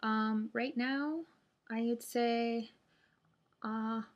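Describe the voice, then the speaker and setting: A woman's voice: on the high side, fairly even intonation, drawn-out words, muffled recording. A woman chatting casually to camera as a vlogger, hesitant and thinking aloud, speaking with a stiff mouth and limited jaw opening after jaw surgery. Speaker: vlogger sharing surgery recovery update.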